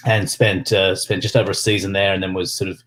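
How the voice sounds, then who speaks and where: Low-voiced Australian man, rambling casually. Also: little pitch movement, a little fast, fairly bright tone. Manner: rambling, peppered with "you know" and "sort of". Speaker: podcast guest, sports business executive. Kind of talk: casual interview talk.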